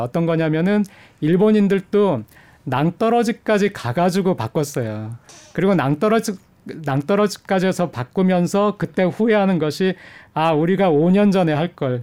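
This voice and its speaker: A middle-aged man, an economics professor, gives measured interview answers with frequent hesitation fillers. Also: a little high, warm tone. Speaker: economics professor, studio guest.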